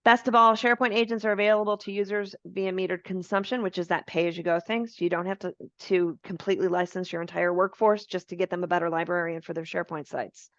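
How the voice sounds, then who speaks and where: A woman with a fairly low voice presents a business webinar and explains each feature step by step. Her tone stays friendly and informal. The audio is dry and a little dull, as if it were coming through a video call. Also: steady tone, fast talker, few pauses, a bit bright, no room sound.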